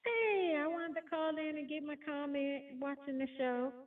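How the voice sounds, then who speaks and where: A woman's voice: sits high, fairly even intonation, normal speed, distant mic. Woman caller over a tinny phone line. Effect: heard over the phone. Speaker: caller to a radio show. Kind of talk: casual call-in comment.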